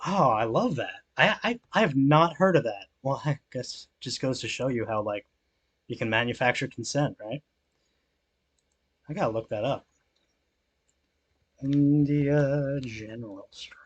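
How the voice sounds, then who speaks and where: A man's voice: medium pitch, lively intonation, moderate pace, fairly bright tone, husky, lo-fi sound. A young man chatting casually while streaming a game, rambling with lots of fillers and swearing, and reading out and answering viewer messages. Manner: reads chat aloud and answers it. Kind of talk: relaxed gameplay stream chat.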